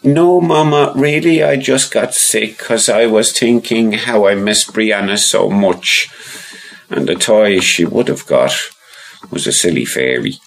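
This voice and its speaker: A man's voice: fairly low pitch, animated, a little slow, creaky, voice pushed up, heavily acted, low-quality recording. A man voicing a young boy who is earnest and sweetly scheming, with a pleading, wheedling way of asking.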